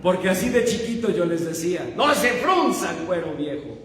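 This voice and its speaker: A middle-aged Mexican pastor with a fairly high voice spins a comic, self-deprecating story from the pulpit. His voice rings through a large hall and trails off in long reverb. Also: moderate pace. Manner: animated, self-mocking storyteller. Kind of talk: humorous sermon storytelling.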